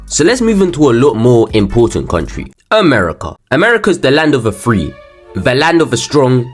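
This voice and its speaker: A man's voice: medium pitch, wildly swooping pitch, a little fast, slightly rough. Man from the UK, casual crude roast. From United Kingdom. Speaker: comedian. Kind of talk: comedic roast monologue. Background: background music.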